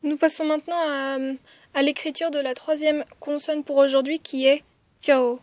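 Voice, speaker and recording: A woman's voice: sits high, level tone, normal speed, no room sound. A woman teaching a writing lesson step by step, with frequent "euh" hesitations and counting strokes aloud. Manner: counts strokes aloud, softly whispering some counts. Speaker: language teacher.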